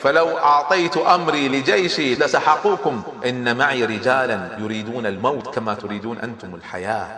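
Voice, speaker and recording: A man voicing a fearless army commander in a told story, speaking slowly and sternly. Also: medium pitch, sharp tone, close to an everyday voice. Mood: defiant. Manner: slow, stern, deliberate. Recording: echoey hall reverb.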